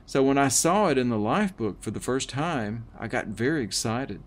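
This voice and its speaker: A man reading a first-person book aloud in a measured way, with the odd slip and restart. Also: medium pitch, animated. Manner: slow, measured reading with small slips and restarts. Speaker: audiobook reader.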